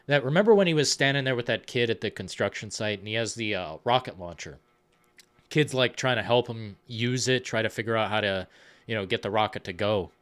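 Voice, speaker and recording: Animated, profane man streaming film chat. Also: medium pitch. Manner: rambling, profane, excitable. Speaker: live stream host.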